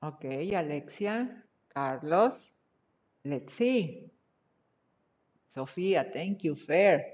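On dull lo-fi audio, an English teacher with an animated, medium-pitched, somewhat dark voice goes through a class exercise live. Slow and deliberate, the teacher switches between English and Spanish and offers short, encouraging praise for each answer.

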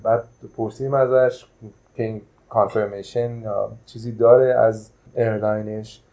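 Man, hotel manager, casual storytelling, hesitant, lots of fillers, mellow tone. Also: fairly low pitch, level tone, poor audio. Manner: hesitant, with many drawn-out filler sounds. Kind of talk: casual telling of a travel memory.

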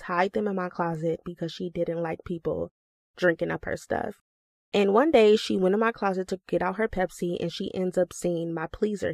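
A woman's voice: fairly low pitch, gravelly, darkish tone, dry recording. Candid young woman telling stories, dry sound. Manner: candid and comic, laughs while telling stories, uses slang. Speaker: podcast host. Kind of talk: personal storytelling monologue.

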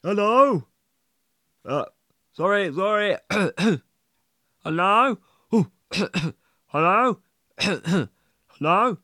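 A man doing a hoarse neighbour. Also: high voice, animated, slow, long pauses, fairly bright tone, heavily acted. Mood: strained. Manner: throat-clearing and apologetic. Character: man who has lost his voice.

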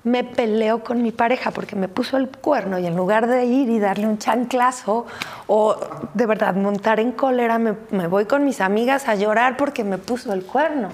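A woman's voice: fairly high pitch, normal speed, slight background noise. A woman from Mexico with a Mexican accent, a therapist giving an informal talk on emotions and often adding "¿no?" tag questions. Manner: conversational, frequent "¿no?" tag questions.

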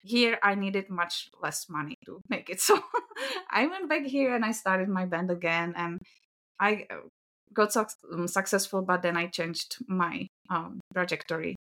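A woman's voice: lowish voice, unhurried, a bit bright. A woman with a Czech accent, a non-native English speaker, answering interview questions casually with frequent laughs and hesitant fillers. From Czech Republic. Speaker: podcast guest.

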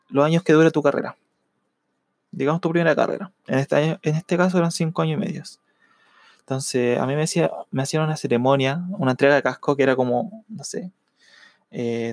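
A young man with a Chilean accent, a student telling his own story in a reflective, halting way with many fillers. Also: medium pitch, no room sound. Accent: Chilean Spanish. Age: young adult. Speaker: university student. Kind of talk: personal testimony.

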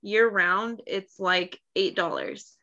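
A woman's voice: medium pitch, lively intonation, slow, sharp tone. A woman co-hosting a casual podcast, talking bluntly and swearing casually. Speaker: podcast co-host. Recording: dull lo-fi sound.

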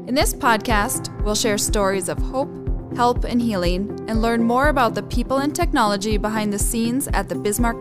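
A woman hosting a podcast interview, friendly, upbeat and chatty. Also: medium pitch. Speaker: podcast host.

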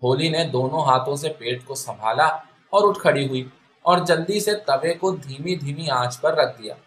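A man reads a literary story aloud in a steady, even way. His voice sits a little high for a man. The recording carries a clear roomy echo. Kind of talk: scripted story narration. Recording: echoey room.

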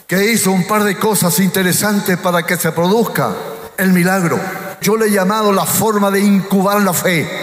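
High-voiced pastor preaching in an echoey hall. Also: male voice, fairly bright tone. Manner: emphatic preaching, calling out to the congregation. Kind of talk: sermon. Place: church hall with a congregation. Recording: echoey hall with music behind.

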